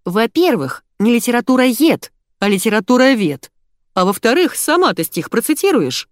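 A woman's voice: a little high, big pitch swings, moderate pace, dry recording, clean studio sound, pitched above the performer's own voice. A woman voicing a sluggish grumbling husband. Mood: teasing. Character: slow-witted grumbling husband. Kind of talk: audiobook character voice.

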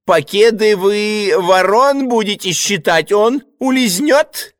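A man's voice: slow pace, no room sound, clean studio sound. A man putting on a sly wheezing choirmaster. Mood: wheedling. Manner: high wheezy wheedling shouts.

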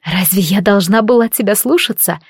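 A woman voicing a spirited young heroine in love who talks in a breathy, teasing, playful way. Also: mid-range voice, brisk, no echo, clean studio sound. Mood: breathless teasing.

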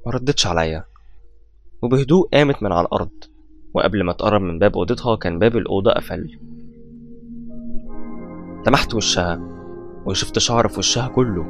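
A man's voice: on the low side, quick pace, long pauses. A man with an Egyptian Arabic accent narrating a first-person horror story in a tense, scripted style. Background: faint background music.

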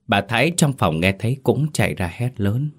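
A man hosting and narrating a scripted horror story in a steady, measured way. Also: mid-range voice, breathy edge. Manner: steady, measured storytelling with hesitant asides in the intro. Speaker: host and narrator.

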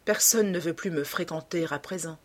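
A woman's voice: on the low side, moderate pace, close to an everyday voice. A woman voicing a listless, ruined young man who speaks in sighs and murmurs. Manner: sighing and murmured.

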